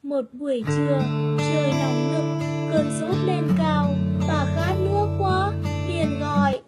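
Slow high-voiced woman storyteller. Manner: slow, soothing, expressive. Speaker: children's storyteller. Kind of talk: fairy tale narration for kids. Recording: loud guitar music behind.

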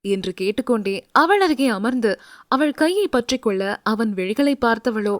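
A woman narrates an audio novel in an even storytelling read. Her voice sits a little high, recorded on a close mic in a dry, dead space. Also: moderate pace, dry recording. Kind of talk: scripted narration.

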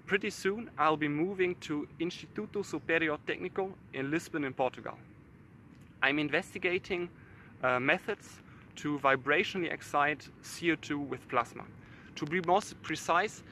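A young man from Germany introduces his research outdoors on a campus. His voice is bright and a little high. Faint outdoor ambience sits behind him. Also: moderate pace, slight background noise. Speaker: PhD researcher. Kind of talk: casual self-introduction.

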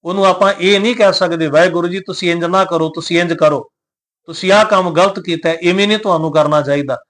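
A man teaching how to recite scripture, slowly chanting each verse and then explaining its pronunciation and meaning patiently. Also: high voice, steady tone, a bit bright. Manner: patient, instructive, repeats pronunciation points.

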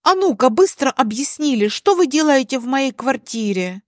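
A woman voicing a furious young wife who snaps sharp commands in a spoken story. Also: fairly high pitch, big pitch swings, very slow, no room sound, clean studio sound, exaggerated voice.

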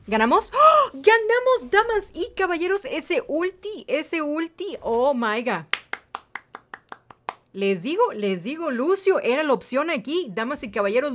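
A young woman hosting a gaming channel. She gives chatty, excitable let's-play commentary and drops English words in here and there. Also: a little high, slight background noise.

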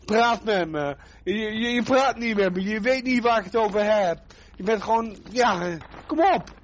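A man's voice: sits high, normal speed. A man from the Netherlands with a Dutch accent, squad leader in an online shooter, teasing, insistent and swearing as he switches between English and Dutch in game voice chat. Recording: dull lo-fi voice chat with faint noise.

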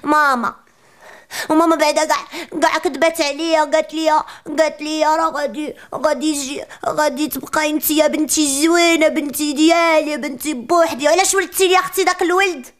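A woman's voice: fairly even intonation, natural voice. A woman voicing a chatty, sassy little preschool girl with a Moroccan accent, ranting in a comic monologue. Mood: complaining. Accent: Moroccan Arabic. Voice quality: childish high voice, rapid rants.

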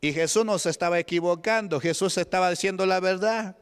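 Peruvian preacher in a reverberant church hall. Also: male voice, high voice, fairly quick, clear, resonant tone. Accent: Peruvian Spanish. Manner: emphatic, calls out to the congregation. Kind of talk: evangelical sermon.

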